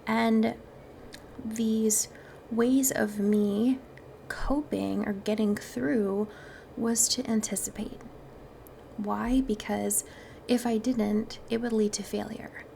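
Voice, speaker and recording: A woman's voice: a little high, steady tone, slow pace, gravelly, pauses often, mellow, a little hiss or hum. A woman with a Wisconsin accent hosting a self-help podcast, talking in a chatty, earnest and playful way straight to her audience. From Wisconsin, United States. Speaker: podcast host.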